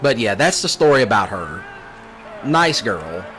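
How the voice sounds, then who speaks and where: On a low-quality recording with music and the clear engine noise of a driving video game behind him, a man rambles through a teasing rant. His voice runs on the low side, very animated yet unhurried. The folksy gaming host mocks others in put-on quoted voices.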